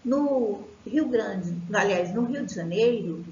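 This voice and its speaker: A Brazilian woman teaching a recorded lesson, explaining slowly with many fillers and restarts. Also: medium pitch, expressive, mellow, echoey room, highs cut off, slight background noise. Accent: Brazilian Portuguese.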